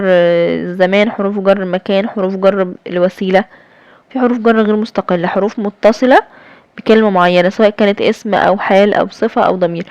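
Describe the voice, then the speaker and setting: In a recorded lesson, a young English teacher breaks down grammar step by step, her Egyptian Arabic accent clear and her speech sprinkled with fillers and check-ins. Her voice is mid-range and a little mellow. The recording is dry and muffled.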